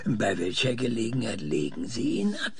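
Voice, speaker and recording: A man's voice: fairly low pitch, huge pitch swings, normal speed, creaky, breathy edge, dry recording, exaggerated voice. An actor playing an older, obsessive male scientist who stammers and speaks pedantically in an audio drama. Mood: pedantic, hesitant. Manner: hesitant stammering, pedantic, insistent. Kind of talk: German audio drama acting.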